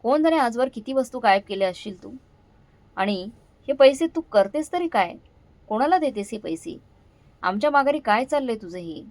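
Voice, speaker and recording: A woman's voice: fairly high pitch, animated, normal speed, a little mellow, dry recording. A woman voicing an angry grown son who scolds and interrogates his mother, in a dry recording.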